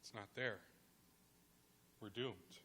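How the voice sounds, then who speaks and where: A man's voice: fairly low pitch, takes it slowly, bright, forceful tone, long reverb tail, slight background noise. A man voicing a proud male beaver in a told animal legend. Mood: defeated.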